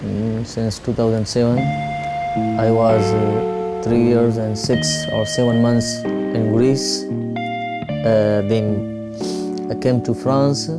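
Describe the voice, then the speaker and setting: A man from Afghanistan giving a halting interview testimony in English, often searching for words. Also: lowish voice, flat delivery, low-quality recording. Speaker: refugee interviewee. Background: background music.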